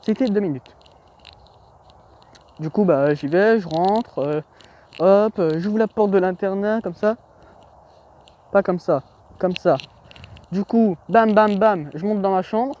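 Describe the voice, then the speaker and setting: A man's voice: high voice, slow pace, long pauses, darkish tone. A young man telling anecdotes in a rambling, slangy, self-mocking vlog, full of hesitations. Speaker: vlogger. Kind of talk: casual storytelling vlog.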